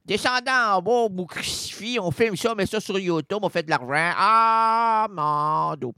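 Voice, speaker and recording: A man with a Quebec French accent delivering a rambling, absurd comic monologue on radio, swinging between loud outbursts and mutters. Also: sits high, expressive, brisk, no echo. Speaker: radio comedian. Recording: dry radio studio.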